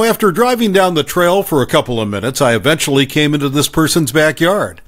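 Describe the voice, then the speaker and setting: Lively, expressive male story narrator. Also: on the high side. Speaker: story reader.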